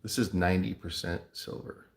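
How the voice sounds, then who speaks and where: A man casually narrating his coin ring making as he works, chatty and relaxed, with playful sound words. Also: low-pitched, normal speed. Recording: echoey room with clear background noise.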